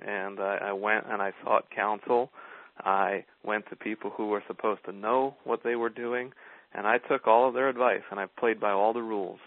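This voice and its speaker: Casting: low, monotone man, earnest and steady, dry phone-quality sound. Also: normal speed, no echo. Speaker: co-host. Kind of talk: conversational talk.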